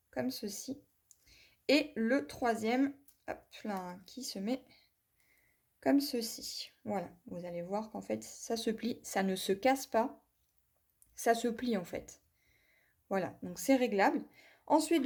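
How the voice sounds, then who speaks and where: Speaking slowly with frequent pauses, a woman whose voice is fairly high with a dark tone gives a hands-on review of a craft tool. She's chatty, walks viewers through every step with many a "voilà" and "hop," and apologizes for her English pronunciation.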